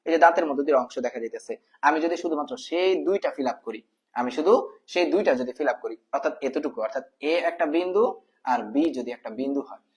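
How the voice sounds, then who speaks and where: Repetitive math tutor, slightly high. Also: male voice, quick pace. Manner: repeats terms as questions to the viewer, calling them brother. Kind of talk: casual spoken lesson.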